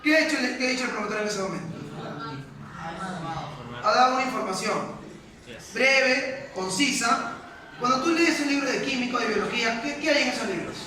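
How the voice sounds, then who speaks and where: A man's voice: extremely high pitch, brisk, crowd noise. Male teacher, lecturing and quizzing a class; distant mic in a roomy classroom. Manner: questioning, repeats points for emphasis. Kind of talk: classroom lecture with questions to students. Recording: echoey classroom from far off, students audible.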